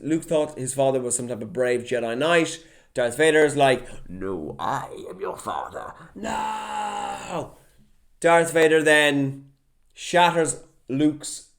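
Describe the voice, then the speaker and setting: A young man hosting his own podcast in a casual solo chat, lively and chatty, slipping into quick mock voices. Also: mid-range voice. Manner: chatty, animated, drops into mock impressions. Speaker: podcast host.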